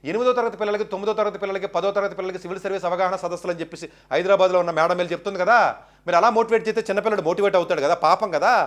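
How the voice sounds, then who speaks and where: A man delivering an impassioned monologue, questioning his listeners with rapid, indignant rhetorical questions. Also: high-pitched, fairly even intonation. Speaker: education commentator.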